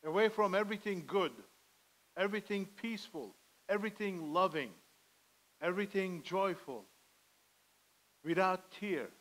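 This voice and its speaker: A man's voice: high voice, normal speed, pauses often, fairly bright tone, rough recording. A middle-aged man preaching a sermon from a church pulpit, earnest and pleading, on a headset mic. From Armenian heritage. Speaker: pastor. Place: church sanctuary, indoors, medium size.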